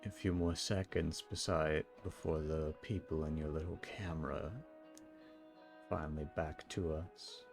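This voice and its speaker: A man playing a calm, wistful ancient sun champion, speaking slowly and solemnly in a live role-play. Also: very deep voice, vocal fry, faint music behind, exaggerated voice. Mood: reflective. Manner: slow, reflective, solemn storytelling.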